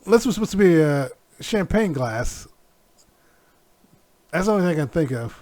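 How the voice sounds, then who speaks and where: A British man chats casually while reacting to a video, curious and incredulous and quick to laugh. His voice sits slightly high for a man. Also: very animated, a little mellow.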